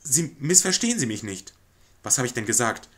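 A man voicing a fretful, anxious middle-aged housewife who pleads in a high, over-eager way, reading a stage play aloud. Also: sing-song, fairly quick, a bit bright. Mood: pleading.

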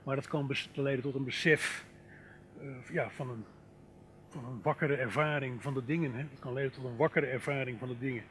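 A man's voice: medium pitch, steady tone, fairly quick, fairly bright tone, slight background noise. A middle-aged man giving a thoughtful lecture as a philosopher, talking reflectively with many fillers and asides to the audience. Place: lecture hall.

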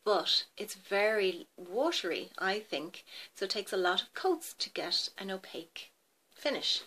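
A woman's voice: lowish voice, bright, forceful tone. A woman beauty vlogger chatting casually to camera about products, rambling a little and stopping to check names.

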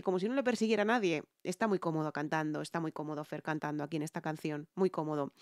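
A woman's voice: fairly low pitch, clear, resonant tone, no echo, clean studio sound. A young Spanish woman with an accent from Spain, a singer chatting through a song reaction and analysing the vocals, checking in with her viewers.

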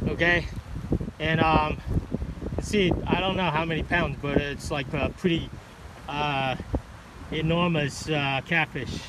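A man talks into an action camera outdoors on the water, slow and rambling with many fillers. His voice sits a little high for a man. Loud wind and water noise run underneath. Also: steady tone. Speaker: fishing vlogger. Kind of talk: casual fishing commentary. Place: outdoors on a kayak on a river.

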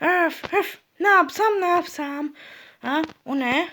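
A goofy, easily rattled male cartoon character, voiced by a woman. The voice sits extremely high and squeaky, full of loud exclamations. He swings between panic and giggles. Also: slow, full character voice. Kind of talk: cartoon voice acting.

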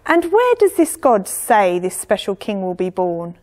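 A woman voicing a jealous, scheming king in a story told for children, bursting out in indignant shouts. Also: mid-range voice, big pitch swings, measured pace. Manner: indignant, loud outbursts. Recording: echoey church hall.

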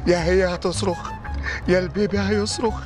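An actor playing a dithering, suspicious doctor who forgets how to deliver a baby. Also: male voice, high voice, fairly even intonation, fairly quick, over music, lightly acted. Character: unsure, suspicious male doctor. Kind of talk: comic TV drama acting.

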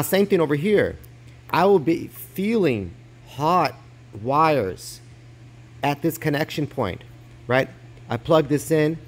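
A man whose voice is slightly high and a little mellow gives an informal hands-on walkthrough of crypto mining hardware, one step at a time. He records at a desk indoors, his phone close up on his hands.

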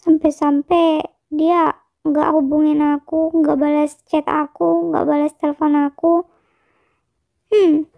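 A woman voicing an emotional, lovestruck young woman who is chatty, sulky and quick to fret, in a fan-dubbed game drama. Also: very high-pitched, fairly even intonation, lo-fi sound, faint music behind. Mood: fretting.

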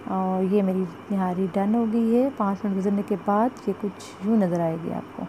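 A woman's voice: medium pitch, steady tone, moderate pace, noisy background. Woman chatting through a home recipe. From Pakistan. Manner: chatty, repeats "jo hai" and "ye dekhein" while showing the pot. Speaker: cooking vlogger. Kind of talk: step-by-step cooking instructions. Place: home kitchen at the stove.

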